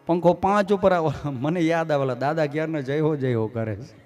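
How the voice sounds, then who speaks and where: A man tells a devotional story to a live gathering in a folksy, joking manner. His voice sits a bit high. Faint instrumental music plays in the background. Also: a little fast. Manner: folksy, humorous, animated. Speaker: scripture storyteller.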